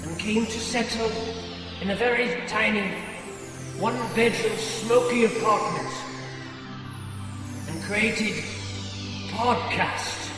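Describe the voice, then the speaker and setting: A man giving a mock-epic fairy-tale narration in a slow, grand manner. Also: sits high. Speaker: podcast co-host. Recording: echoey hall from far off with music.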